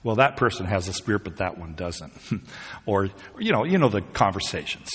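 A man's voice: sits low, very animated, normal speed, husky, long reverb tail. A man preaching a sermon, talking conversationally and rising to emphatic peaks. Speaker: pastor.

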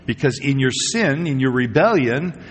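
A man with a husky, breathy voice preaches in a church hall. His words ring out with a long reverb tail as he moves from easy conversational asides to emphatic, rising declarations. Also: medium pitch, expressive, normal speed. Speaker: pastor. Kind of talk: sermon.

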